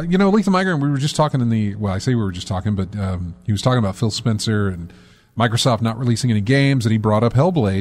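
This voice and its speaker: A man's voice: mid-range voice, a little mellow. A man hosting a casual gaming podcast, rambling and correcting himself with lots of fillers. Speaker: podcast host.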